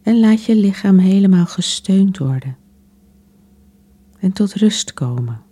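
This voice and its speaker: A woman softly guiding a relaxation exercise in a soothing, unhurried way, with long pauses between phrases. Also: medium pitch, lively intonation, husky. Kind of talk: guided relaxation meditation.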